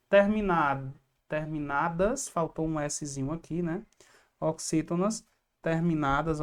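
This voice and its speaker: Low-voiced woman teaching an exam class. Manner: explanatory, asks and answers own questions; chatty asides to students. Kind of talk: online exam-prep lesson.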